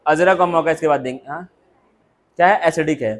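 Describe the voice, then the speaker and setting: A brisk man with a voice on the high side runs a classroom lecture, firing off rhetorical questions and drilling the answers back. He jokes, teases and calls on students by name.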